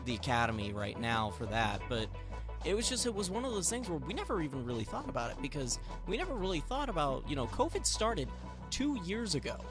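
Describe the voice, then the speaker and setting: A man's voice: on the high side, a little fast, music in the background. A man in a casual chat, telling a story and acting out the people in it. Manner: animated storyteller, acts out quotes. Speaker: podcast host.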